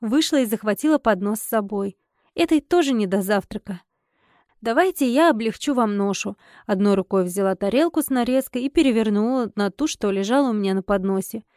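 A woman narrating a first-person fantasy audiobook in an expressive, wry manner. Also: mid-range voice, fast talker, dry recording, studio quality.

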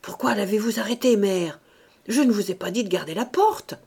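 A woman's voice: fairly high pitch, expressive, normal speed, darkish tone. A woman reading an audiobook, voicing a severe, proud male priest who speaks sternly. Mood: harsh. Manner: stern, austere.

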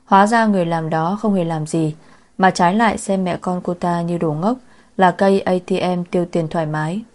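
A woman narrating a novel in a steady, measured storytelling manner. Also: fairly low pitch. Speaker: audiobook narrator. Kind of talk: scripted narration.

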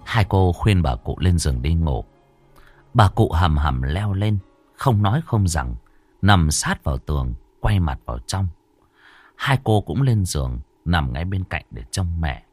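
A man narrating a horror story in a measured, dramatic way. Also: deep voice, big pitch swings, darkish tone, no room sound, faint music behind.

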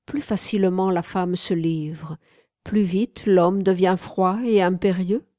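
A woman's voice: fairly low pitch, steady tone, slow, warm tone, no echo, studio quality. A woman reading an audiobook, voicing a haughty, mocking woman in furs with a cool, commanding tone.

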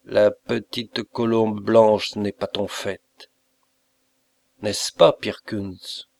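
A man's voice: on the low side, level tone, drawn-out words, gravelly, darkish tone, no echo, heavily acted. A man reading aloud and voicing a sly, cackling old beggar woman with a drawling, nasal tone, as in a spoken storybook. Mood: wheedling. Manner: mocking, ominous.

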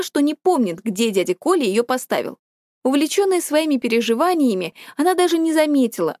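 A woman reading a story aloud as an audiobook narrator, in an even, measured manner. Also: on the high side, dry recording, clean studio sound. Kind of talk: scripted narration.

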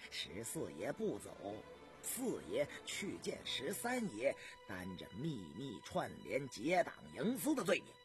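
A calm, shrewd strategist, as a male storyteller plays him, deliberate and assured, his pitch rolling up and down expressively. The story is told with faint music underneath. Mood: calculating. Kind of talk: storytelling voice acting.

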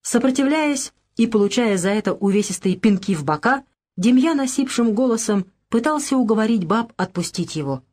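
Female audiobook narrator, even, measured literary storytelling. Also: on the high side.

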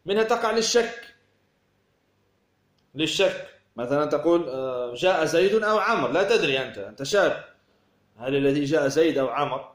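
Higher-voiced man teaching grammar, echoey. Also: animated, brisk, pauses often. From Tunisia. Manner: explains with worked examples and rhetorical questions. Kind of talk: classroom lecture. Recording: echoey room.

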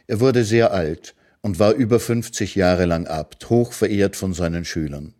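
In a low voice, a man reads his own philosophical short prose aloud for a radio literary reading, calm and measured throughout.

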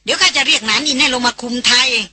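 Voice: high voice, animated, rapid-fire, pushed and bright, breathy edge, no room sound, voice pushed up, exaggerated voice. A reader voicing an irritable, skeptical young man who scoffs impatiently. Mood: scoffing.

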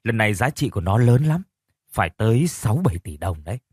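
A secretive young husband who speaks low and humble to his workmates, as a man narrator puts him on. His voice moves a lot in pitch and sounds dry and close in an audio storybook. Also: big pitch swings, quick pace, a little mellow, breathy edge, dry recording. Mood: gleeful.

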